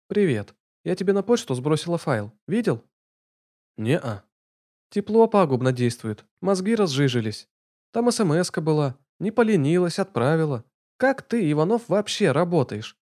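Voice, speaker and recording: A man putting on a sharp-tongued mocking young woman. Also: on the high side, very animated, normal speed, voice pushed up.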